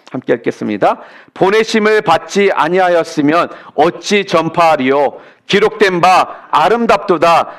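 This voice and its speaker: A man preaching a sermon in a church, his voice pitched high with a gravelly edge. He keeps throwing rhetorical questions at the congregation, rising to loud, emphatic peaks and then dropping to quiet asides. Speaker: pastor. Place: church sanctuary.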